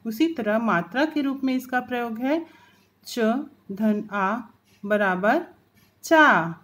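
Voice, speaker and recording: Woman teacher, grammar lesson for kids, unhurried delivery, slightly high voice. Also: a bit bright. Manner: slow, careful teacher's delivery, drawing out example sounds. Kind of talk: recorded grammar lesson for children.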